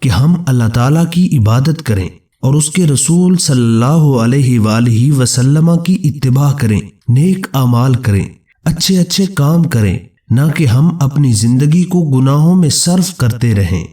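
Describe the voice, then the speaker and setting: Solemn, mellow-voiced male preacher. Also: medium pitch, lively intonation, recorded from a distance. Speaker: religious narrator. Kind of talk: scripted religious narration.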